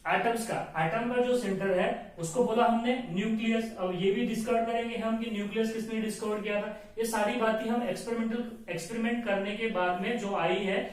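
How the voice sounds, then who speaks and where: A man teaching a chemistry lecture, who asks his students questions, answers them himself and repeats the key terms. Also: high voice. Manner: mixes in slow, drawn-out English phrases. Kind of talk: classroom lecture. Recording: echoey room, voice from far off.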